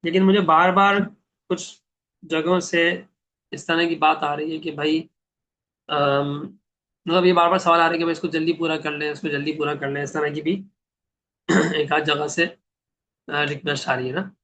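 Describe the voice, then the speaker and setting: A man teaching a Quran translation class, reciting Arabic verses slowly and then explaining them with questions he answers himself. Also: fairly high pitch, fairly even intonation, a bit bright.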